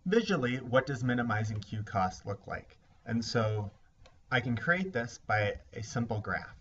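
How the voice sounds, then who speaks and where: A man with a low-pitched voice delivers a recorded lesson, walking through each point in a measured, explanatory way. The recording sounds slightly dull and lo-fi, with faint hiss underneath. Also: fairly bright tone. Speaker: instructor. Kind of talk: recorded lecture.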